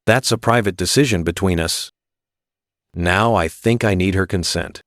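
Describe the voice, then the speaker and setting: A man's voice: deep voice, moderate pace, no room sound, close to an everyday voice. A man playing a guarded, possessive company president in an English-dubbed drama, curt and serious.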